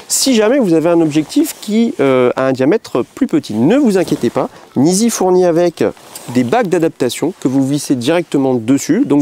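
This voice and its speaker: Chatty man demoing camera gear, mellow tone. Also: medium pitch. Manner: chatty, filler-heavy, explaining step by step. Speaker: photographer reviewing camera gear. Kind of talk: casual product demonstration. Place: indoors, filming himself with a camera.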